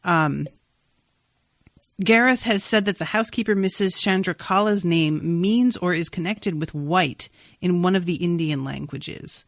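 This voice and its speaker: In clean studio sound with no room tone, a woman podcast host recaps a TV episode casually, rambling and tossing in exclamatory asides. Her voice is on the low side and unhurried.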